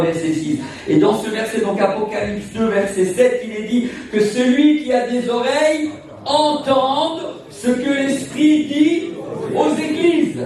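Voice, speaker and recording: High-voiced man in his sixties preaching. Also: darkish tone, slight background noise. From Portugal. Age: 60s. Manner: emphatic, repetitive, preacherly cadence. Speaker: evangelist preacher. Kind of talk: sermon. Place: church sanctuary. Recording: echoey church from far off.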